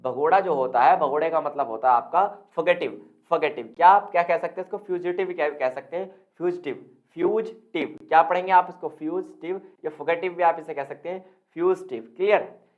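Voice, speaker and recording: A man's voice: fairly high pitch, fairly quick. A man giving an online vocabulary lesson, repeatedly quizzing the viewer with questions. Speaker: spoken English teacher. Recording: tinny phone-like audio.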